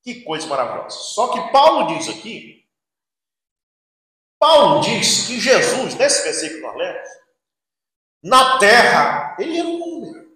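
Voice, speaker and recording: A male preacher delivers a dramatic sermon, acting out quoted lines. His voice sits high and leaps widely in pitch, jumping from loud cries to hushed asides. The church hall wraps every word in heavy echo. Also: huge pitch swings, measured pace, pauses often.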